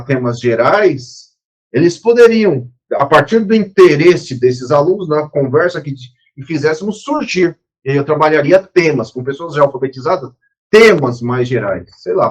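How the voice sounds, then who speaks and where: A man, teaching a recorded lecture in a spontaneous, explanatory way with frequent restarts and asides. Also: mid-range voice.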